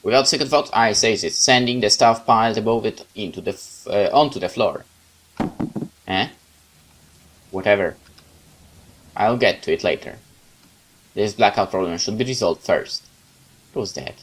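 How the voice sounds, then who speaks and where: A let's player reads a visual novel aloud, giving expressive, dramatic first-person narration broken up by casual asides. His voice is lowish, his speed normal, and he leaves long pauses.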